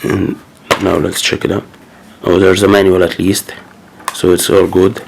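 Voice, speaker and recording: A gaming host who's sick with a cold talks a bit slowly in a low voice with vocal fry and flat delivery. He unboxes his new games casually but hesitantly, with many fillers and restarts, over slight background noise.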